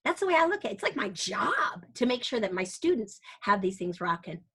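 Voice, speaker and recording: A woman teacher presenting an energetic online workshop, bubbly and encouraging, talking to her audience over a video call. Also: medium pitch, fairly quick, breathy edge. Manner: bubbly, encouraging, breaks into bits of song. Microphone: computer mic on a video call.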